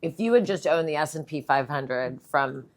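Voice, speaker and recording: A woman on a finance panel, an animated storyteller who jumps in to add points. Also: low voice, moderate pace, noisy background. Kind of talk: panel discussion.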